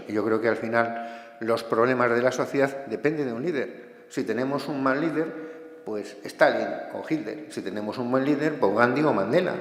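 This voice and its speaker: An impassioned man with a Spanish accent speaks at a book presentation, getting carried away and pausing on frequent hesitations. His voice sits at a middle pitch and carries a long, roomy echo from a large hall. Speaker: book author. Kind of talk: lecture-style book presentation. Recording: echoey hall.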